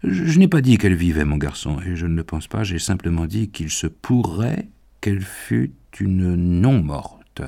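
A man's voice: deep voice, big pitch swings, gravelly, dark tone, heavily acted. Van Helsing, a man voicing a grave old professor. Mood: solemn. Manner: solemn, measured pleading. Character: elderly male professor, grave and patient.

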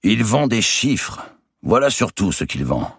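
A man playing a loud swaggering giant nobleman. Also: on the low side, big pitch swings, measured pace, breathy edge, no echo, studio quality, pitched above the performer's own voice, exaggerated voice. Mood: boisterous mocking. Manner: loud, mocking, theatrical. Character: boisterous giant male nobleman, swaggering and sly. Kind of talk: audiobook character voice.

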